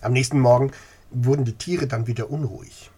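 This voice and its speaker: A man's voice: mid-range voice, brisk, warm tone, breathy edge, natural voice. A man voicing a hesitant, formal male park manager who explains things at length. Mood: earnest. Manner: hedging, long-winded and formal.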